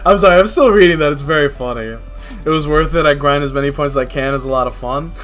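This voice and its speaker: A young New York City man who livestreams games talks fast in a fairly high, slightly bright voice. His chat is casual, candid, and full of slang, with music playing behind him.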